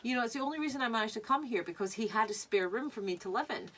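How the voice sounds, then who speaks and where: A woman's voice: fairly high pitch, animated, very fast, fairly bright tone. A woman in casual, effusive chat, telling anecdotes in a talkative way. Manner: effusive, chatty. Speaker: distillery tour guide and podcast co-host. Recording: distant mic, noisy room ambience.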